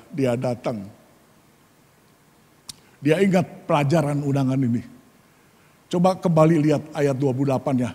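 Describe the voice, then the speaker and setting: A pastor preaching a sermon with lively, swinging emphasis, often turning to address his listeners directly. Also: mid-range voice, breathy edge. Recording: long hall reverb.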